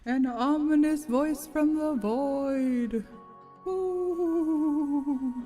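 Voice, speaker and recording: A woman putting on an ominous, disembodied voice from the void, intoning slowly in a playful, mock-grand way. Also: sits high, warm tone, soft background music, voice pushed up. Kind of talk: playful put-on voice in casual chat.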